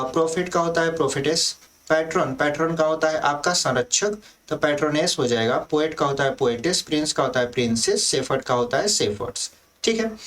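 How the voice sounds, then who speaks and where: A man's voice: a little high, fairly bright tone, far from the mic. A male teacher explaining a grammar lesson step by step, asking questions and answering them himself. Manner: often adds "thik hai" checks to the students. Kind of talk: recorded class lesson.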